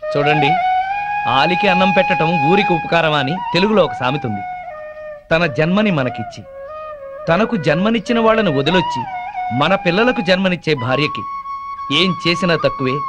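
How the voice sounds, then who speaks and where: Lively high-voiced speechifying man. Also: fairly quick, long pauses, loud music behind the voice. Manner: grand, speechifying, mock-heroic. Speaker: comic actor playing a devoted husband. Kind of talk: film comedy speech.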